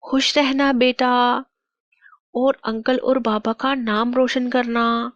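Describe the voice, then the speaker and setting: A woman voicing a loving, devoted young queen in a cartoon storybook, soft-spoken and tender. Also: on the high side, flat delivery, slow, dry recording, dull audio, pitched above the performer's own voice.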